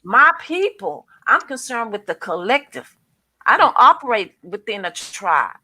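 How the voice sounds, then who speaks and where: Halting, higher-voiced woman. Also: big pitch swings, bright, forceful tone, no echo, low-quality recording. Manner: thoughtful, halting, with many restarts. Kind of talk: casual discussion.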